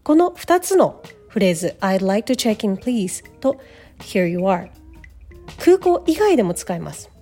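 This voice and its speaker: A woman's voice: mid-range voice, sing-song, a little slow, mellow. A woman teaching English pronunciation, patiently demonstrating each sound step by step, with faint music behind her.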